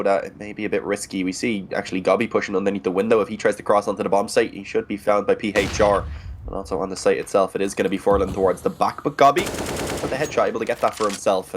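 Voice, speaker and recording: A man's voice: on the low side, a little hiss or hum. A man working as an esports caster, giving live play-by-play commentary in long, running present-tense sentences.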